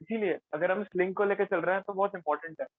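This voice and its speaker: Man, workshop facilitator, fairly high voice, dry phone-like sound. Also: steady tone, quick pace, no echo. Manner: mixes Hindi and English, explains with rhetorical questions. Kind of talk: conversational workshop talk.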